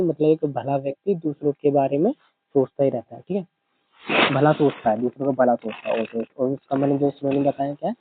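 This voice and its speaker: Man, vocabulary teacher, Indian English accent, repeats words slowly, explains memory tricks, tinny dry phone-like sound. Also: mid-range voice, no echo. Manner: mixes English terms into Hindi explanations. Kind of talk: exam-prep vocabulary lesson.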